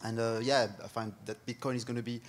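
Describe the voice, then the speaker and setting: A man speaking on a conference panel in an earnest, deliberate way. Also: medium pitch, flat delivery. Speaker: panelist, startup founder.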